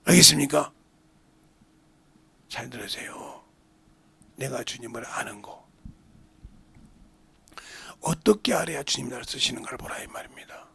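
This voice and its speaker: A middle-aged male pastor preaching a sermon, dropping to whispered prayers and rising to shouts. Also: mid-range voice, animated, a little slow, gravelly, pauses often, slightly rough. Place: church sanctuary.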